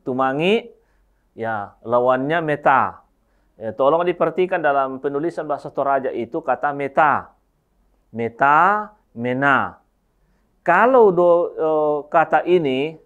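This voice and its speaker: A male teacher giving a language lesson, slowly going through word pairs and often adding "ya". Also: a little high, a bit bright, lo-fi sound. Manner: slow, repetitive word-by-word explanation with frequent "ya".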